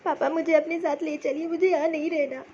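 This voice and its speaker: A woman's voice: extremely high pitch, normal speed, darkish tone, highs cut off, slight background noise. A woman voicing a sick, tearful young married woman pleading with her father in a cartoon story. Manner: weepy, complaining. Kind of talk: cartoon voice acting.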